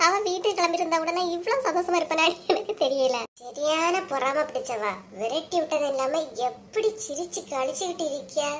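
A woman's voice: very high voice, lively intonation, fairly quick, few pauses, a bit bright. A woman voicing several chatty, scolding village women in a cartoon, speaking with a Kanyakumari Tamil accent. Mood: gleeful. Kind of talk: cartoon voice acting.

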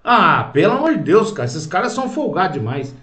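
An indignant man with a Brazilian Portuguese accent delivers a slow, repetitive rant, dropping swear words and calling everyone "cara." His voice sits high for a man. It rings around an echoey room. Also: very animated, a bit bright. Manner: indignant, profane, keeps saying "cara". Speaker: political video commentator. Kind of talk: angry rant to camera.

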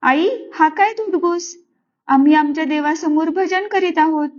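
Woman reading as a young village boy, earnest, innocent, high childlike voice, slightly muffled. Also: a little slow. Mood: pleading. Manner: pleading, innocent questioning.

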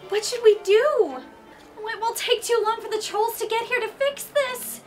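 A woman's voice: very high voice, unhurried, soft background music. A woman playing a bubbly, clumsy young princess stuck in her sister's body, hesitant and slipping up in a live-action play-acting skit. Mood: eager.

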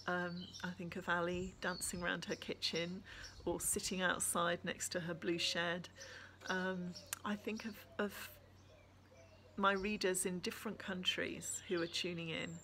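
A woman's voice: lowish voice, pushed and bright, slight background noise. A woman author reading her own story aloud, then chatting to listeners in a friendly way with fillers. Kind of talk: audiobook reading and casual sign-off.

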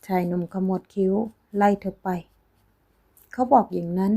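A woman narrating a romance story in a slow, even reading style. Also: lowish voice.

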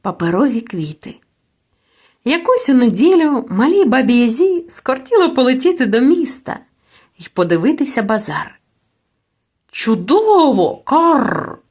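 Expressive woman reading a fairy tale. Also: sits high, moderate pace. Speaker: audiobook narrator. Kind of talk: storybook narration.

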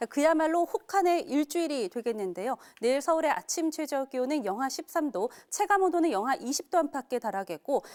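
Woman, weather forecaster, high voice, scripted broadcast delivery, crisp and measured.

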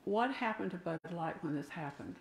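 An older woman delivers a sermon in a gravelly voice. She preaches emphatically, with asides to the people in the pews. The sound carries a roomy church echo. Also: fairly low pitch, expressive, normal speed, a little hiss or hum. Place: church sanctuary. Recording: echoey church room.

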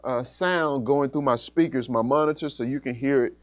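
In a small indoor music studio, an American man in his thirties, a music instructor, walks through gear step by step in a relaxed, informal tutorial. He speaks at a moderate pace in a mid-range voice. The recording sounds dull and carries a humming background of electrical buzz and a fan.

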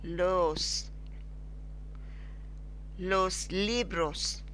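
Very slow, halting woman teaching. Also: fairly low pitch, a bit bright, a little hiss or hum. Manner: halting, repeats words slowly. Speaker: language teacher. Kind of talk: slow screen-recorded lesson.

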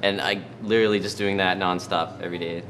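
A teenage student filmmaker answering interview questions in a relaxed, chatty way with many fillers. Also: male voice, low voice, fast, slight background noise. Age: teens. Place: school classroom.

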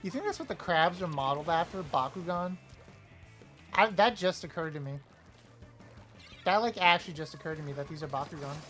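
A woman streaming a live game, trash-talking playfully, apologizing to teammates and suddenly yelling when a play goes wrong. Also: deep voice, a little fast, pauses often, faint music behind. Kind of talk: live gameplay commentary.

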